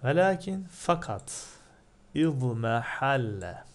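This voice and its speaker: A man's voice: mid-range voice, sing-song, slow. A man teaching an Arabic religious text word by word, asking and answering his own questions and lifting his voice on recited phrases. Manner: rises sharply when reciting Arabic phrases.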